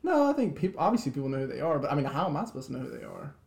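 Man, podcast co-host, rambling casual talk, mellow gravelly voice, echoey room. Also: on the high side, sing-song, rapid-fire. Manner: rambling, many restarts and fillers. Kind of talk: casual chat.

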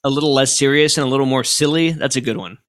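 Man podcast co-host, rapid talker, easygoing, joking, casual chat. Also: mid-range voice, fairly even intonation, fairly bright tone.

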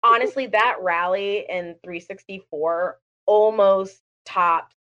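A woman on a podcast, telling her reactions in an animated way and acting out what she thought. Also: medium pitch, slow pace. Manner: animated storyteller, quotes her own reactions. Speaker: podcast panelist. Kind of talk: casual podcast chat. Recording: dull lo-fi mic.

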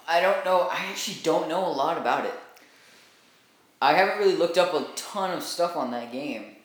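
A man's voice: fairly high pitch, lively intonation, moderate pace. A young man co-hosting a casual gaming podcast, enthusiastic and rambling, laughing often. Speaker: podcast co-host. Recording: very echoey room.

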